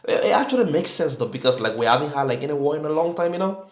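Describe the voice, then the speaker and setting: A young man from Sierra Leone talks quickly through a casual video reaction, filling every pause with "like" and "you know". His mid-pitched voice bounces around an echoey room. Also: lively intonation. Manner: rambling, heavy on "like" and "you know". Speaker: YouTube reactor.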